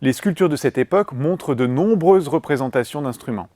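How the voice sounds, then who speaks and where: A man narrating a scripted music history lesson in a clear, measured way, listing items one by one. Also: on the high side, animated, mellow, no echo.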